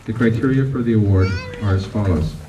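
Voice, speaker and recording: A man's voice: fairly low pitch, dark tone, lo-fi sound. Man at a ceremony on an old VHS tape. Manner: measured, reads from a script. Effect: old home VHS tape recording. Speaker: school ceremony presenter. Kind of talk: formal announcements at a ceremony. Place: school auditorium. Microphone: camcorder mic far from the stage. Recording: distant hall voice on noisy old VHS tape.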